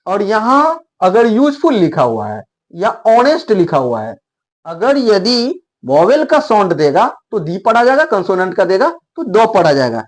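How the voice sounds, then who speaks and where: Hindi-accented man teaching, lively pitch. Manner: repeats words slowly for drilling. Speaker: English teacher. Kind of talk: explaining lesson.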